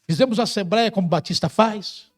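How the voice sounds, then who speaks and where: A middle-aged Brazilian pastor preaching a sermon with passion, rising to loud cries and dropping to quiet, close words. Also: male voice, high-pitched, a little fast, soft background music. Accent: Brazilian Portuguese. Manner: impassioned preaching, swings from loud to soft.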